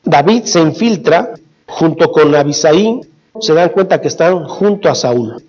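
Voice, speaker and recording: A man's voice: a little high, animated, measured pace, darkish tone. A man with a Mexican accent preaching a sermon, earnestly exhorting and retelling scripture. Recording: dull lo-fi recording.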